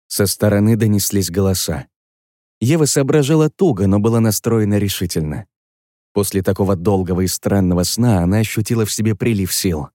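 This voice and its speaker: A man with a lowish voice narrates a fantasy story in a steady, even read. The sound is close and dry, with no room around it. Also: brisk, no room sound. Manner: even storytelling read, voicing every character himself. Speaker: audiobook narrator.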